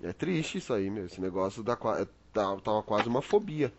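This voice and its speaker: A man's voice: on the low side, sing-song, brisk, muffled recording, background noise. A young man casually telling a story to friends over voice chat, acting out his own panic. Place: home, online voice chat.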